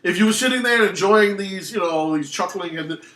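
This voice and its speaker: Fast-talking New man, bright voice. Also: sits high, distant mic. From New York. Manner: rambling, animated storytelling with many restarts. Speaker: podcast host. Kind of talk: casual film chat. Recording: roomy echo, off-mic.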